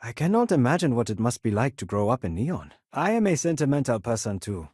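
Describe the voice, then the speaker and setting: An actor playing a courteous, kindly young male trader and crewmate in a space video game, speaking in polite, measured, formal phrases. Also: mid-range voice, very animated, darkish tone, no room sound, studio quality. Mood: courteous, earnest. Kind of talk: video game dialogue acting.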